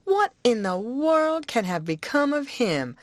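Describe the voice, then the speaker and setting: A woman voicing an excitable older farm wife who gushes in a breathless rush. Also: a little high, takes it slowly, dry recording, pitched above the performer's own voice. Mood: fretful. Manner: gushing, breathless chatter.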